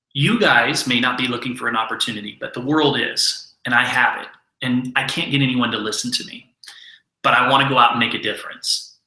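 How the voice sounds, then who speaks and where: A man's voice: mid-range voice, sharp tone, roomy sound, low-quality recording. A man voicing his mentor, a struggling, passionate salesman speaking from the heart. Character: struggling, passionate male network marketer.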